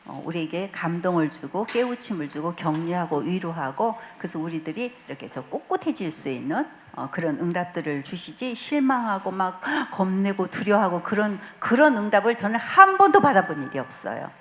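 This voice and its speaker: A woman leading a spiritual retreat, telling stories in a warm, chatty way with frequent fillers and occasional laughter. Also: lowish voice, big pitch swings, a little fast, few pauses, slight background noise. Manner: warm storytelling, acts out quoted dialogue, frequent fillers; laughs often while speaking. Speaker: lay mission president leading a retreat talk.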